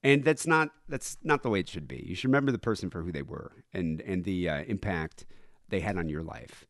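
A podcast host with a nasal voice rambles through loose, profane chat. His pitch rises and falls animatedly. The recording is close and dry. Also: expressive, a little fast, creaky, dry recording.

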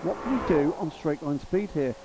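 A man's voice: fairly high pitch, expressive, normal speed. A man giving live motorsport commentary on a race. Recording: clear engine noise behind.

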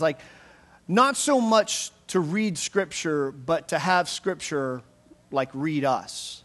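A man's voice: a little high, fairly bright tone. A man in his thirties, a pastor, giving a chatty, upbeat sermon full of fillers and restarts. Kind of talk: casual sermon.

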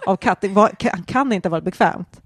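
A woman's voice: medium pitch, breathy edge, no room sound. Blunt young woman in casual chat. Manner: blunt, swears, mixes in English phrases. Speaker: podcast co-host or guest.

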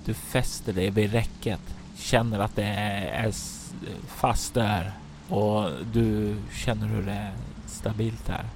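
A man running a tabletop horror game as game master, giving slow, atmospheric narration in the second person. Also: on the low side, little pitch movement, vocal fry, noisy background. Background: background music.

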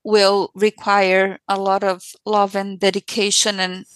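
A woman's voice: mid-range voice, completely flat delivery, unhurried, fairly bright tone, dry recording, poor audio. A woman parent speaking earnestly in an interview and repeating phrases for emphasis. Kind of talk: conversational interview.

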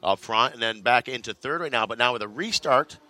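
A man's voice: mid-range voice, fairly quick. A man giving conversational live motorsport commentary as the analyst, informal and often repeating words for emphasis. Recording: loud car and engine noise behind. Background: race cars, trackside ambience.

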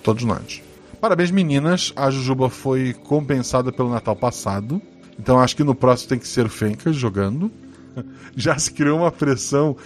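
A man's voice: mid-range voice, animated, normal speed, soft background music. A man with a Brazilian Portuguese accent hosting a podcast, casually joking and swearing while reading listener comments. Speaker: podcast host.

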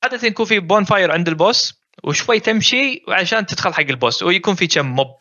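Casual guest: Gulf Arabic man, quick and bright, dull lo-fi audio. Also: high-pitched, expressive, dry recording. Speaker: guest gamer. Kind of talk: casual chat.

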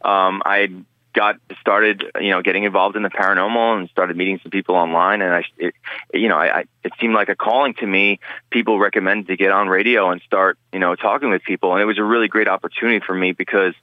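A man's voice: low voice, steady tone, fast, no room sound, highs cut off. A man guesting on a podcast interview, talking earnestly in a rambling way with many restarts. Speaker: guest, paranormal investigator.

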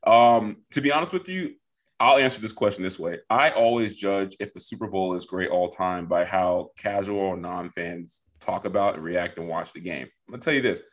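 At a normal speed and in a low-sitting voice, a man runs a relaxed sports podcast. He moves between segments with a teasing, playful touch.

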